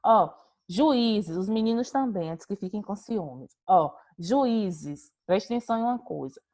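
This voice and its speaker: A woman's voice: mid-range voice, lively intonation, unhurried, dark tone. A woman teacher giving an online class over a video call, explaining patiently, repeating points and calling on students by name.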